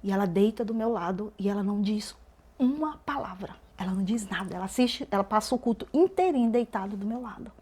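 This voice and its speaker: A woman telling an emotional personal testimony as a podcast guest, swinging between loud and hushed delivery. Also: mid-range voice, quick pace, hardly any pauses, husky.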